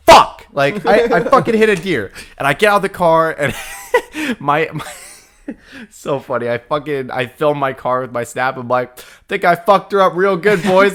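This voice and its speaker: A young man in his twenties on a podcast, casually telling a story with lots of swearing and laughter. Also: medium pitch. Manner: profane, laughing, animated retelling. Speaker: podcast co-host.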